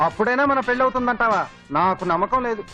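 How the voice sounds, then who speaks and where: A timid young lover. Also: male voice, extremely high pitch, fast talker, over loud music. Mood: worried. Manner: nervous, worried. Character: timid young man in love, afraid of his brother. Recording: dull old film soundtrack.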